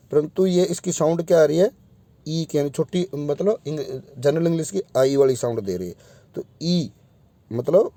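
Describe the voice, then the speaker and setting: A man's voice: a little high, warm tone, no echo. A man teaching English pronunciation in a video lesson, spelling out vowel sounds one by one and addressing his students directly.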